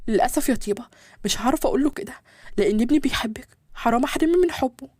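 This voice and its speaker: A woman with an Egyptian accent voicing a proud, wounded wealthy mother who speaks high and reproachfully in a storybook reading. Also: lively intonation, rapid-fire, darkish tone, husky, no room sound, clean studio sound. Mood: firm. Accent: Egyptian Arabic.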